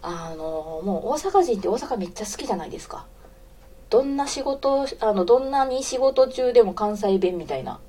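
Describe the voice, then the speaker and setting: A woman's voice: on the high side, lively intonation, normal speed, warm tone, breathy edge. Giggly Kansai woman hosting a live stream. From Osaka. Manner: chatty and giggly, often breaking off to greet listeners. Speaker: host of a live audio stream. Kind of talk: casual live radio chat, reading listener comments.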